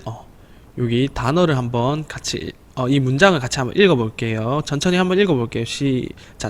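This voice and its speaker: A man teaching a slow, patient online English lesson to children, repeating words and pausing with fillers. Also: medium pitch.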